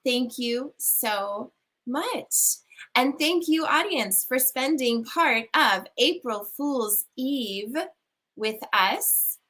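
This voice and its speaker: A woman's voice: high voice, animated, extremely slow, pushed and bright. A woman hosting a storytelling event, giving thanks and closing remarks. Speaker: event host.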